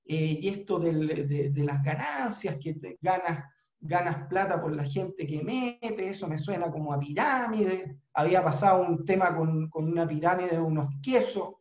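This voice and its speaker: A middle-aged man with a Chilean accent, a business trainer telling a motivational story in an earnest, unhurried way with frequent fillers, on a video call from a room at home. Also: fairly high pitch, darkish tone. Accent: Chilean Spanish. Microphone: webcam on video call. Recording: roomy, dull webcam audio.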